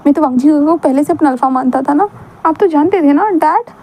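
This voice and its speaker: A woman's voice: sits high, fast, dark tone, pitched above the performer's own voice, natural voice. A woman voicing an earnest young man who stammers out anxious, pleading questions.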